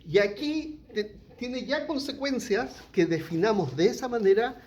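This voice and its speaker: A man's voice: high-pitched, animated, a little slow, a little mellow, lo-fi sound. A middle-aged man, teaching a sermon and asking the congregation questions. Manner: asks the congregation questions, frequent "¿ya?". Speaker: pastor.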